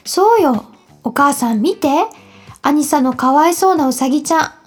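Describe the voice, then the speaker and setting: A woman's voice: high-pitched, expressive, normal speed, soft background music. A woman voicing a whiny, tearful little girl in a storybook.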